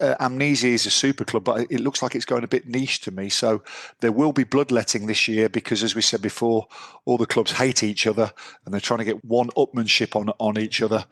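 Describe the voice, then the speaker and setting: A man's voice: on the low side, fairly bright tone, no room sound. A man co-hosting a podcast in casual, matey, chatty banter. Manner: chatty, matey banter with frequent "mate" and "cheeky". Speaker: podcast co-host. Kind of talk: casual chat. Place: lives in Ibiza.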